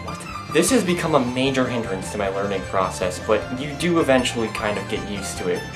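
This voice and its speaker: A man's voice: fairly low pitch, animated, a little fast. A young man presenting a comedic explainer video in a dry, sarcastic, self-mocking way. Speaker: student presenter. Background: music.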